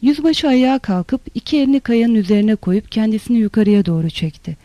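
A narrator reading a literary novel in a steady, even storytelling manner. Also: medium pitch, fairly quick, dry recording. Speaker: audiobook narrator.

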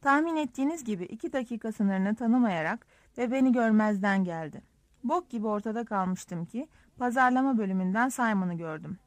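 A woman narrating a first-person audiobook in a lively, wry, self-mocking storytelling manner, close to the mic. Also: a little high, brisk, dry recording.

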